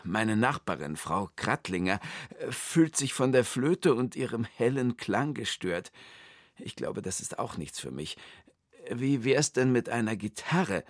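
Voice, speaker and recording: A man's voice: mid-range voice, sing-song, a little slow, no echo, clean studio sound. A man voicing an indecisive, fussy grown man in a children's radio story, speaking in a hesitant, stammering, whiny way.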